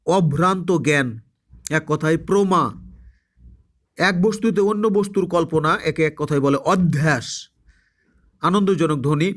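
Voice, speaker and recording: A man with a Bengali accent giving an exam review lesson, spelling words out letter by letter and repeating answers for emphasis. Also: on the high side. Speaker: exam prep tutor.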